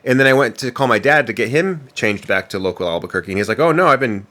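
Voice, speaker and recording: A man's voice: lowish voice, animated, fast talker, pushed and bright. A young adult man co-hosting a podcast in casual chat, rambling with many ums and restarts. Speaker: podcast co-host.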